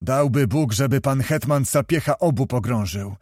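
A man voicing a hearty old nobleman with a huge mustache in a read storybook, given to booming, fervent exclamations. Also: normal speed, a little mellow, dry recording, clean studio sound, close to an everyday voice.

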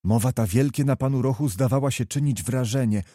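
Male audiobook narrator, measured and mellow. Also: mid-range voice, no echo, studio quality. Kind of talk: scripted narration.

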